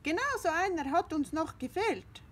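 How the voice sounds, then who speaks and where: A woman's voice: extremely high pitch, lively intonation, normal speed, a bit bright, pitched above the performer's own voice. A woman doing a cackling flock of hens. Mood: eager. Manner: cackling and eager. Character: chattering flock of excited hens.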